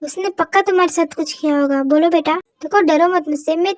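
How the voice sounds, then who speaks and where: A woman's voice: very high voice, brisk, no echo, studio quality. A woman voicing a fussy, doting middle-aged mother-in-law who coaxes a shy girl in a fan-fiction voice story. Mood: coaxing. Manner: fussy, coaxing.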